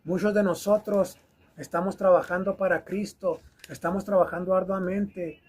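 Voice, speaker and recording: A man's voice: high-pitched, fairly even intonation, normal speed, darkish tone, breathy edge. A man preaching a recorded video sermon, fervently exhorting his listeners and repeating phrases for emphasis.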